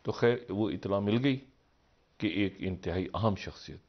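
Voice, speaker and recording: A man giving political analysis on a live TV talk show. He rambles, poses rhetorical questions, and swings from low murmurs up to raised, emphatic peaks. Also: measured pace, highs cut off. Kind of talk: live TV current-affairs commentary.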